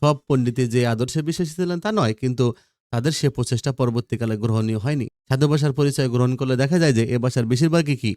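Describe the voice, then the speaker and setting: Quick-paced and dark in tone, a medium-pitched male voice delivers a school grammar lesson on recorded video. He keeps repeating the key points and asks the class questions only to answer them himself, all captured in a dry, studio-quality recording.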